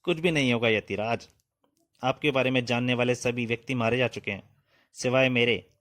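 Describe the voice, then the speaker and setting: A man's voice: mid-range voice, normal speed, a bit bright, close to an everyday voice. A man voicing a brave young hero. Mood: earnest. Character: young male hero, brave and quick-thinking.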